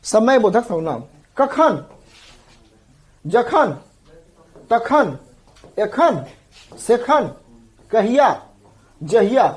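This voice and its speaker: A man's voice: extremely high pitch, very animated, very slow, long pauses, breathy edge. A male teacher giving an exam-prep grammar lecture, repeating each term several times and often checking in with the students. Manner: repeats terms drill-style, often checks in with the class.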